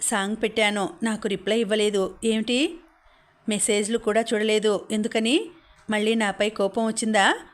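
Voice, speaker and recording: A woman reading the lines of an eager, polite young woman in an audiobook, quick and apologetic. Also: mid-range voice, fairly even intonation, close to an everyday voice.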